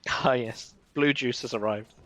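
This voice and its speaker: A man casting a live esports match, chatty and wry with quick reactions. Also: medium pitch, a bit bright. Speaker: esports caster. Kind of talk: live game commentary.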